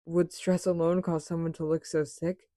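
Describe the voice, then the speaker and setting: A woman voicing an earnest, polite, curious young actress in an anime fan dub, with theatrical, deliberate, formal phrasing. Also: on the low side, little pitch movement, mellow, no echo, clean studio sound, lightly acted. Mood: pensive, absorbed.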